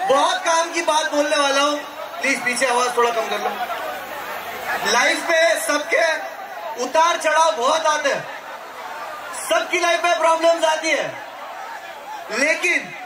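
A young man on stage with a handheld mic, shouting a speech and reciting poetry to his fans. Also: very high-pitched, steady tone, unhurried, long pauses, noisy background. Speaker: comedian addressing fans. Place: large indoor fan event on stage. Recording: echoey hall, loud crowd, from far off.

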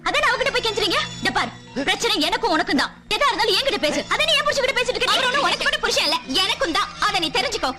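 An actress playing a hot-tempered young wife who scolds sharply and argues back in film dialogue. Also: female voice, very high voice, expressive, rapid-fire, over loud music. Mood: defiant. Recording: film scene over loud background score.

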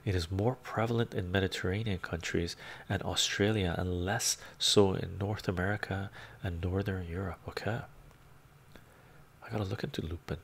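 A middle-aged Romanian-born man chats casually on a live stream, reading comments from a home room lined with bookshelves. His deep voice has vocal fry and a breathy edge, with fairly even intonation and a moderate pace. He rambles, tosses in frequent "right?" asides, and speaks into a lapel mic.

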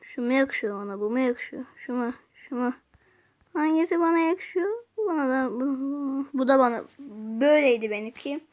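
A woman's voice: high voice, moderate pace, a little mellow. A woman giving casual gameplay commentary, chatting to viewers and muttering to herself as she plays. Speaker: gaming youtuber.

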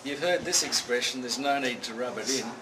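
A man's voice: mid-range voice, a little fast. A man giving a dramatic guided tour of a prison and projecting his voice to the group. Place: echoey old stone prison. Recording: echoey, distant, noisy visitor camera.

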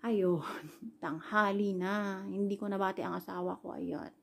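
A woman's voice: medium pitch, fairly even intonation, moderate pace, creaky, slightly rough. A Filipino woman, an overseas caregiver, casually recounting a personal story in a rambling vlog style, full of fillers. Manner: rambling, fillers like "ayan", retells quoted dialogue. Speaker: overseas worker and caregiver vlogger.

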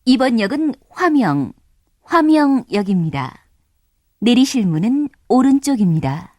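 Woman voicing a prerecorded subway stop announcement, formal and courteous, slightly high, dry studio sound. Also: sing-song, measured pace, a little mellow, no room sound. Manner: polite, formal, evenly paced. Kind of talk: prerecorded train station announcement.

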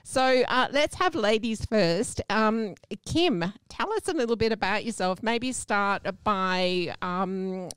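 A woman's voice: mid-range voice, animated, slow pace, hardly any pauses, clean tone, dry recording. An older woman hosting a radio interview, chatty and giggly as she asks questions. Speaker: radio host. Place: small radio studio. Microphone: freestanding microphone.

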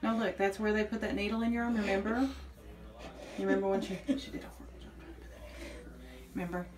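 Middle-aged woman, motherly and patient, medium pitch, casual soothing talk that repeats itself to reassure. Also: quick pace, darkish tone, slight background noise. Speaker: mother reassuring her daughter. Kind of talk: casual family chat. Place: small indoor clinic room.

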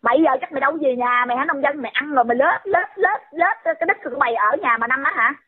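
A woman's voice: sits high, rapid-fire. A woman, scolding someone in a heated rant and firing off repeated insulting questions. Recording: tinny phone-line audio.

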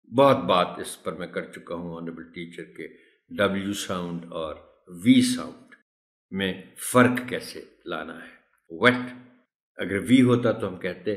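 A man giving a pronunciation tutorial for teachers, slowly drilling single words one at a time. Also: low voice. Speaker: teacher trainer. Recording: echoey room.

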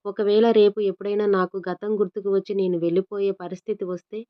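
A woman voicing a calm, composed young woman who speaks in an unhurried, even way, on a dull lo-fi recording. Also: medium pitch, lightly acted.

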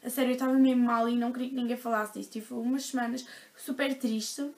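A woman's voice: on the high side, little pitch movement, fast, a little mellow. A young woman in her teens with a European Portuguese accent, telling a story to her vlog audience in a chatty, dramatic way, full of fillers. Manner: chatty, dramatic retelling with frequent "tipo" fillers. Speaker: vlogger. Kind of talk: casual storytelling to camera.

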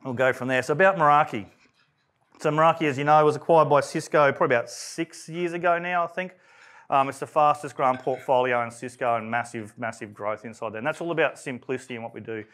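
An Australian man gives a live technical presentation, and he talks very quickly. His delivery is casual, with lots of "um"s and restarts, and he calls his own voice monotone. His pitch sits mid-range for a man. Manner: rapid, conversational, with many fillers and restarts; self-described monotone. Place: event room.

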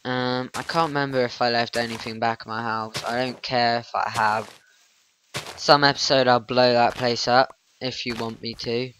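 A man's voice: medium pitch, little pitch movement, normal speed, a bit bright, slight background noise. A man rambling through let's-play commentary, flustered, grumbling and poking fun at himself. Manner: flustered, grumbling, self-mocking. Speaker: gaming channel host.

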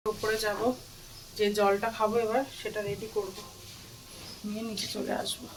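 A woman's voice: medium pitch, level tone, moderate pace. A woman vlogger and mother giving a casual running commentary to her viewers as she shops and does her chores at home, filming herself on a phone she holds in her hand. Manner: chatty, talks while doing chores. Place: market outdoors, then at home. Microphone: phone held in hand. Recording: noisy phone recording.

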